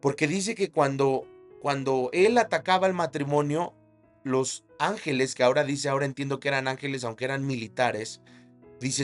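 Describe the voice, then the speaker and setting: A male pastor preaching a sermon, telling a story with dramatic emphasis and shouted sound effects. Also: mid-range voice.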